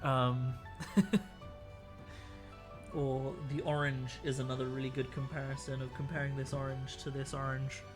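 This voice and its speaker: With music in the background, a tired young man chats loosely while painting miniatures live, his voice worn from a week of talk. He speaks in a mid-range, level tone, unhurried and with long pauses, wandering off and restarting sentences as he goes.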